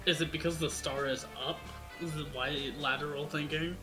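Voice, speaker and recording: A man's voice: fairly high pitch, fairly even intonation, normal speed, music in the background. A man joking dryly with friends while they read a story game. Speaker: co-player. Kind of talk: casual chat while playing.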